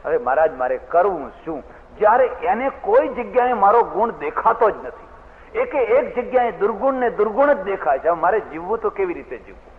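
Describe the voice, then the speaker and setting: A worn-down daughter-in-law pours out her troubles, as a male preacher puts her on. The voice sits a little high and sounds thin and tinny. It rings with the long echo of a large hall. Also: very animated, fairly quick. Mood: lamenting.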